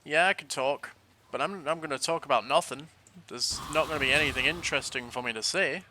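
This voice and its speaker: Bright-voiced man rambling over gameplay. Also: on the high side, a little fast. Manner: rambling, playful, coins silly words. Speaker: game streamer. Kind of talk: casual gameplay commentary.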